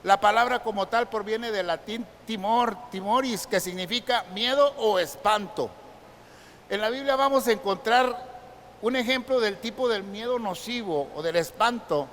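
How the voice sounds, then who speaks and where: A man preaching from the pulpit, his voice pitched fairly high for a man. His words ring out with a long echo through a church hall, with a faint hiss under the recording. He keeps asking the congregation questions as he drives the sermon forward. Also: normal speed, a bit bright. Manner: acts out frightened crowd voices. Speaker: pastor. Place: church sanctuary.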